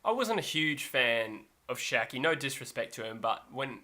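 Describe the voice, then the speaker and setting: This podcast co-host has a mid-range, sing-song voice with a bright, forceful tone at a normal pace. He rambles through casual sports talk, correcting himself as he goes and laughing easily.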